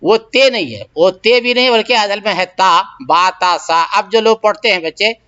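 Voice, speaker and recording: A man's voice: sits high, sharp tone, clean tone. A man teaching Quran recitation, drilling pronunciation by repeating syllables and checking that learners follow. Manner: asks learners to check understanding. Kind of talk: recitation lesson. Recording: dull lo-fi audio.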